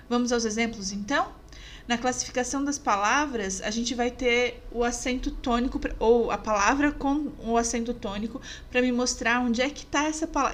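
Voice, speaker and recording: Woman teacher, fairly high voice, measured slide narration, faint background noise. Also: fairly bright tone. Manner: clear, measured, stresses example words. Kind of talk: narrated review over slides.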